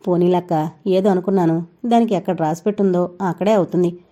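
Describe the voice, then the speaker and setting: A woman voicing a resigned middle-aged father who tries to calm things down, in a storybook reading. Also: on the low side, fast talker, close to an everyday voice. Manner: soothing, resigned.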